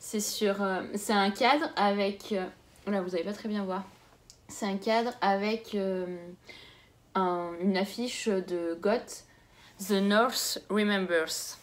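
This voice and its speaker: A young woman chatting casually as she unboxes a book swap, gushing over each gift and muttering softly to herself in between. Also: mid-range voice, fairly even intonation, takes it slowly. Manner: gushing, exclamatory. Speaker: book vlogger.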